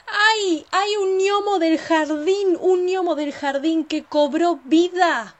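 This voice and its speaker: A woman's voice: slow pace, darkish tone. A woman voicing a frightened lady who screams in panic. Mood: terrified. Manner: shrill, screaming.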